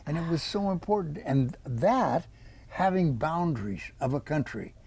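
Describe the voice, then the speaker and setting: A man's voice: fairly high pitch, expressive, moderate pace, darkish tone, breathy edge. A man in his eighties, an author, answering interview questions with rambling, folksy stories full of quoted dialogue. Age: 80s.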